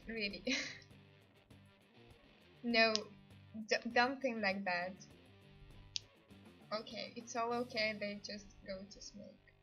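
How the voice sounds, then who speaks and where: This livestream host from Ukraine talks casually to her viewers in hesitant, non-native English, giggling as she goes and speaking with an Eastern European accent. Her voice is a little high and sharp in tone. Music sits behind the dull, lo-fi stream audio.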